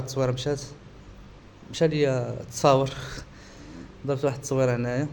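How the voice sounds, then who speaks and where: A man's voice: medium pitch, mellow. A Moroccan man recounting a cycling trip as a casual vlogger, often repeating his phrases. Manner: repeats himself. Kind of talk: casual vlog talk. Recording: faint background ambient noise.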